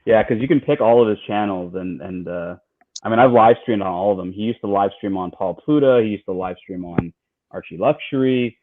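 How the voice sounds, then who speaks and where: Low-voiced man on a tinny line. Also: brisk. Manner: relaxed, chatty, many fillers and repeats. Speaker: livestream co-host. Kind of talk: casual livestream chat.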